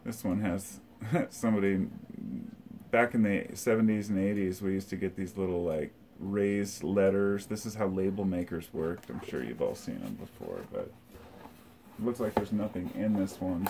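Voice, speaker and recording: This deep-voiced middle-aged man is at home in his living room near a record shelf, leafing through a box of old tapes for an informal show-and-tell. Background noise is audible. He wanders from thought to thought, heavy on filler words.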